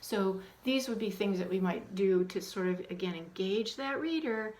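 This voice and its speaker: A woman with a mid-range voice speaks at a moderate pace, giving a teacher trainer's informal talk on reading aloud to children. She's conversational, full of ums and restarts, and acts out questions to children in a hushed, animated voice.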